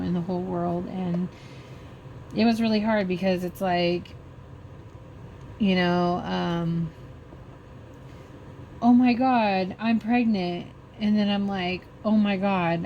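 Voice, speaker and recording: A middle-aged woman vlogger slowly telling a personal story while crafting, halting and emotional. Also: fairly low pitch, darkish tone, lo-fi sound, slight background noise.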